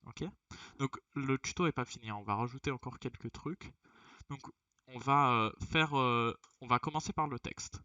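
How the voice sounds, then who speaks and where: A young man casually walking viewers through a tutorial, chatty, narrating each click with a quick "hop". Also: mid-range voice, sharp tone, no echo. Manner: chatty, talks to viewers as "les gars". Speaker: tutorial creator. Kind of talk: casual screen-recorded tutorial. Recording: distant, dull lo-fi dry recording.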